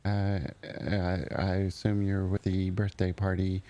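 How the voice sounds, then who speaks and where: A man chatting casually as an in-game guide, speaking in a hesitant, halting way. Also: low voice, monotone, mellow, dull audio. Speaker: role-play guide greeting visitors. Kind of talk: casual in-game role-play chat.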